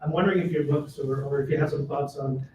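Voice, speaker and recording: A man in the audience asks a hesitant question in a flat, mellow voice. He sounds far from the mic in an echoey room. Faint noise sits behind him. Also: fairly high pitch, fast, highs cut off. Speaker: audience member asking a question. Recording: distant roomy audience mic.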